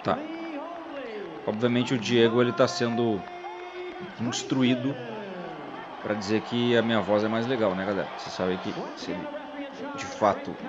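Loud crowd noise from old fight footage sits behind a dull-sounding recording as a man hosts casual commentary, chatty and joking with his co-host. His medium-pitched voice holds a steady tone at a moderate pace, with frequent pauses.

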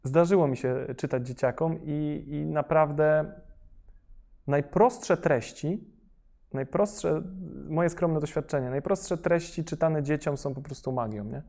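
A young man, a rapper, talking casually in an interview, hesitant with many fillers and restarts but lively when he gets going. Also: on the high side, measured pace, creaky. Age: young adult.

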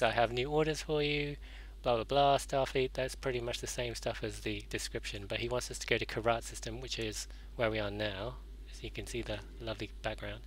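A young man hosting a casual let's-play gaming show. He rambles along, trailing off into fillers and correcting himself as he reads and reacts. His voice sits at a middle pitch. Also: fairly bright tone, rough recording.

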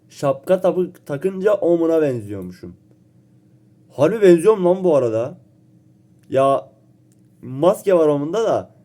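A young vlogger chats casually to camera, joking and teasing himself with quick, playful reactions. He's slightly ill, so his mid-range, dark-toned voice sounds a bit off.

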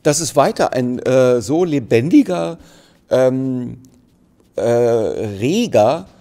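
A man's voice: medium pitch, expressive, slow, dark tone, soft background music. A middle-aged man from Berlin with a light Berlin accent, an actor answering interview questions to the camera, thoughtful and searching for words with many fillers and restarts. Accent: Berlin German. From Germany. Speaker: actor interviewed for a museum anniversary. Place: plain bright indoor studio. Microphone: seated, framed mid-shot to camera.

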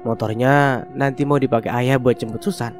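A man voicing a gentle, caring young mother who speaks softly, with faint music behind. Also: mid-range voice, fairly even intonation, a little fast, close to an everyday voice. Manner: soft and gentle.

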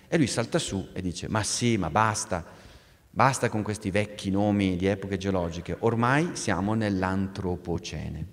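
A man giving a live public science lecture, animated and discursive, restarting phrases and turning to the audience with asides. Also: lowish voice, big-room sound.

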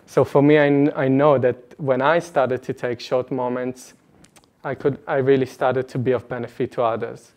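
A young man in his late twenties speaks earnestly to a live audience, animated and laughing lightly between points. His voice sits at an ordinary middle pitch and is picked up close by a lapel mic in an indoor meeting room. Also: moderate pace. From Israel. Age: late 20s. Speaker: retreat speaker. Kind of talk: personal talk to a live audience.

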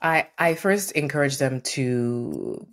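Slow and extremely low-pitched, the woman, a consultant in her forties, tells earnest stories as an interview guest over video call. She brings the quotes to life by acting them out, and a painting is visible behind her in her home.

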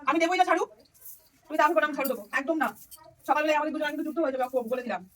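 A woman's voice: high-pitched, very fast, recorded from a distance, a little hiss or hum. A woman at home talking to a toddler in playful, coaxing baby talk while she sweeps the rooms. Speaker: vlogger. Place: at home, indoors.

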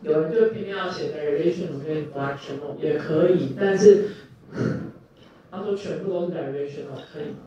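A man's voice: on the high side, fairly quick, warm tone, slight background noise. A male university lecturer, teaching a class and quizzing students with repeated questions. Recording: echoey room, distant mic, muffled.

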